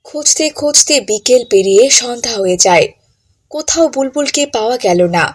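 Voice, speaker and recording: A woman narrating a cartoon story in a calm, scripted storytelling manner. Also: a little high, a little fast, slightly rough.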